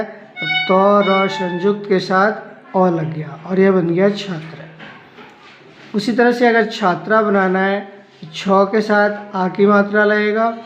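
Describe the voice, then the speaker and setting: Male teacher, high voice, unhurried step-by-step explainer, roomy lo-fi recording with faint music. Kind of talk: explaining a Sanskrit lesson.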